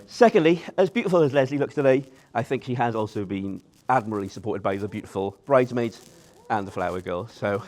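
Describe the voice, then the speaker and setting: A man's voice: medium pitch, expressive, a little fast, hardly any pauses, a little mellow. A man giving an informal best man's speech to wedding guests, nervous, self-deprecating and joking as he goes. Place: wedding reception in front of seated guests.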